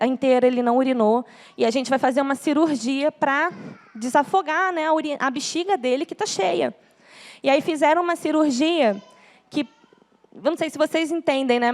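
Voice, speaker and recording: A woman's voice: sits high, darkish tone. A young Brazilian woman with a Brazilian Portuguese accent giving an earnest church testimony to a congregation, acting out the words of others as she tells it. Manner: earnest storytelling, acts out quoted speech.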